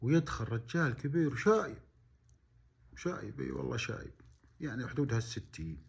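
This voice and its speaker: A man with a Bedouin Gulf Arabic accent telling a story in colloquial, animated style, acting out dialogue with exclamatory asides and repeated phrases. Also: mid-range voice, brisk, gravelly.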